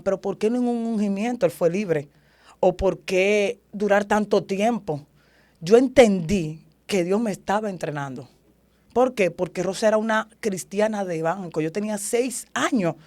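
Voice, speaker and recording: A woman in her thirties telling her faith testimony, emotional and halting, often circling back over her words. Her voice sits at a middling pitch. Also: darkish tone, no room sound. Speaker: testimony giver. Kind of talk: personal religious testimony.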